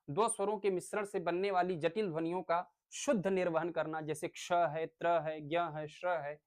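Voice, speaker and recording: A male teacher giving a lecture on phonics, explaining step by step with everyday examples. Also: on the high side.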